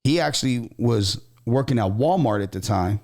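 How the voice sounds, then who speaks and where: An American man from Southern California hosts a podcast, telling personal stories in casual, slangy chat. His medium-pitched voice is a little mellow, with lively intonation at a normal speed.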